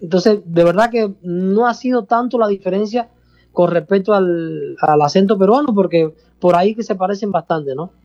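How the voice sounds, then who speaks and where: A man's voice: sits high, normal speed, darkish tone, muffled recording. A middle-aged Cuban man with a Cuban accent, talking casually as a guest in an interview, expansive and repetitive. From Cuba. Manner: expansive, repeats himself, calls host "hermano". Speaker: salsa bandleader guest.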